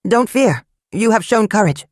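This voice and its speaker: A storyteller voicing a kind young woman friend in a folktale who speaks gently. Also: mid-range voice, expressive, normal speed, no room sound, clean studio sound, voice pushed up, natural voice.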